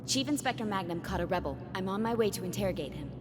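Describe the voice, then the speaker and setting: A woman's voice: mid-range voice, expressive, fast talker, natural voice. A woman playing a composed, authoritative young enforcer in a video game, cool, clipped and formal. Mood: dutiful. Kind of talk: video game character acting. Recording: loud music behind the voice.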